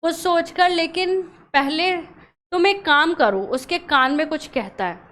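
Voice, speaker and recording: A woman's voice: extremely high pitch, a little slow, fairly bright tone. A woman voicing a scheming male turtle, friendly with his crocodile friend, reading a storybook play aloud. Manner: friendly, then scolding.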